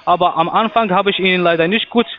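A man from Portugal, working as a call center agent and speaking halting, broken German in a long-winded way. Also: sits high. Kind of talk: phone sales call. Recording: tinny phone line.

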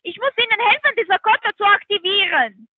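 Give me a woman on a phone sales call, her voice very high and thin as it comes over a muffled, lo-fi phone line. She speaks broken German and keeps pressing the same points insistently, repeating herself. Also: a little fast, no echo. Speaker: telephone trading account adviser.

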